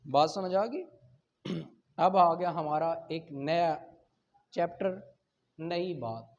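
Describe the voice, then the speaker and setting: A man with a Pakistani accent and a fairly high voice teaches law slowly, reading statutes and then explaining them. Along the way he asks rhetorical questions and checks that students follow. It's a dull lo-fi recording.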